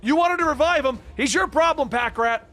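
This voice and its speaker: A man's voice: on the high side, fairly quick, bright, forceful tone, faint music behind. A man voicing a weary young male hero, gloomy and defensive, mostly tired and subdued. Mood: tense. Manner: tired, subdued, sometimes snapping.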